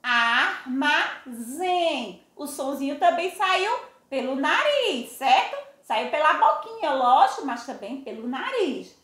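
Sing-song Brazilian woman teacher, slow. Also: high voice, very animated, fairly bright tone. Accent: Brazilian Portuguese. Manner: slow, sing-song, drawn-out words for young pupils. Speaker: primary school teacher. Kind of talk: recorded online class for children. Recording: echoey room.

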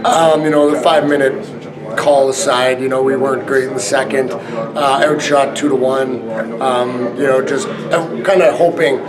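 A man in his thirties, a head coach answering reporters after a game, halting with many fillers and restarts. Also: mid-range voice, steady tone, a crowd in the background. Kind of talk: post-game press scrum. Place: arena press area, indoors.

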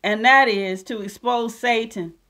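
A woman's voice: a little high, unhurried, fairly bright tone. A woman giving ranting, preachy commentary, mocking and combative as she calls out critics and reads scripture. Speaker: self-styled prophetess vlogger.

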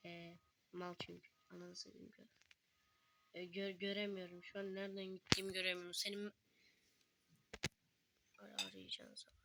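A woman's voice: fairly low pitch, flat delivery, a little fast, gravelly, heavy background noise. A woman commenting casually on a game she plays with a friend, joking and swearing freely. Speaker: gaming video host.

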